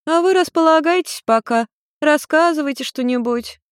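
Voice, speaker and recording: A woman's voice: high-pitched, moderate pace, no echo, studio quality, pitched above the performer's own voice, lightly acted. A woman putting on a tipsy, teasing witch mother. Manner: slurred, drawling, teasing.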